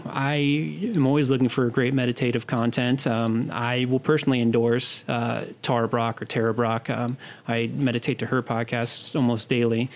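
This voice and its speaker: A young man co-hosting a podcast, talking in a rambling way with many fillers and restarts. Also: mid-range voice. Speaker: podcast co-host. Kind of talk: casual podcast chat.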